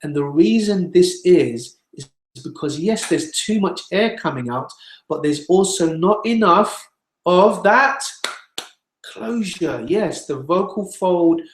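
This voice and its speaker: A man's voice: high-pitched, expressive, takes it slowly, a little hiss or hum. A man teaching singing in an online webinar, explaining patiently and demonstrating scales. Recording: echoey room.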